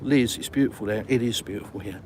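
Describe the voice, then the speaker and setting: A middle-aged Englishman with an English accent talks casually into his phone while strolling outdoors after dark. He reads out viewer comments and answers them. Faint traffic hum sits behind his voice. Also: lowish voice, quick pace. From England. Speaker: vlogger. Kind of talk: live walk-and-talk stream. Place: city streets at night, outdoors. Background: faint traffic noise.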